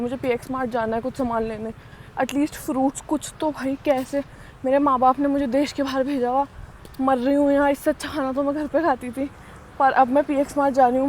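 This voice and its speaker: Faint street noise surrounds a young Indian vlogger as she jokes and chats, filming her city outing on a handheld phone. Her voice is high-pitched with a darkish tone, and the recording quality is low.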